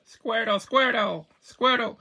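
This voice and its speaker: A man's voice: very high-pitched, slow pace, pushed and bright, slightly rough, exaggerated voice, low-quality recording. A man voicing a small, cute turtle creature in an amateur puppet show, repeating itself in creature chirps. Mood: cheery. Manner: repetitive creature chirping, swooping.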